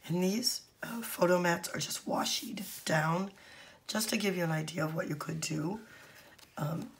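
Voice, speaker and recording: Hoarse, croaky woman who has lost her voice. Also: low-pitched, slight background noise. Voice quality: husky, croaky, often breaking into a whisper. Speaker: craft channel host. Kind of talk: casual craft project walkthrough.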